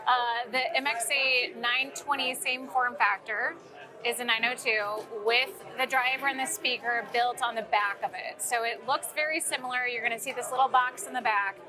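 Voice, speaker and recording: A woman with a fairly high, steady voice speaks at a normal pace over music, casually explaining a product as an interview guest. She's from St. Louis in the United States, and crowd chatter from a busy sales meeting fills the background.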